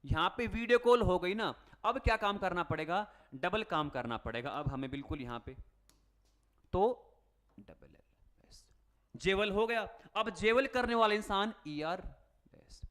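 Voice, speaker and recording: High-voiced teacher explaining spelling tricks. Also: male voice, lively intonation, a little slow, a bit bright. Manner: asks the class questions and answers them himself; calls students "beta" and "bhai" in a friendly coaching tone. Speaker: English teacher. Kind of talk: Hindi-language spelling lesson for exam students.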